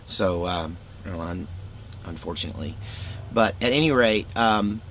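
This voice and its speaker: A middle-aged man with a low, fairly bright voice speaks at normal speed over slight background noise. A former youth pastor turned storytelling vlogger, he tells personal stories in a casual, rambling, laid-back way, with wry self-deprecation.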